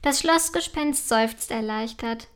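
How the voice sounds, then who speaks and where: A woman narrating a children's story in a calm, clear storytelling manner. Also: on the high side, takes it slowly.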